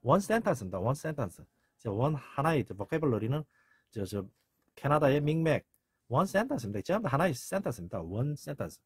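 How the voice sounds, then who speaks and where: Very husky animated man lecturing. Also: medium pitch, brisk, no room sound, clean studio sound. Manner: animated, repetitive, acts out quoted exclamations. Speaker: channel host explaining word comparisons. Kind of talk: informal lecture.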